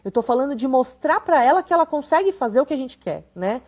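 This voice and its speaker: A woman's voice: high-pitched, big pitch swings, fast, darkish tone. A woman in her thirties giving a live parenting talk, chatty and conversational, often checking in with her viewers. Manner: conversational, frequent tag questions, reads comments aloud. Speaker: parenting educator.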